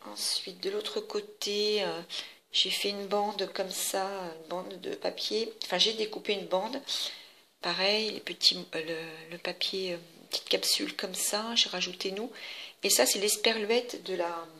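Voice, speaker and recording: A woman's voice: mid-range voice, fairly even intonation, measured pace, pushed and bright, a little hiss or hum. A woman casually walking through her handmade scrapbook album, chatty and hesitant, with lots of fillers and restarts. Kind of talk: casual craft tutorial.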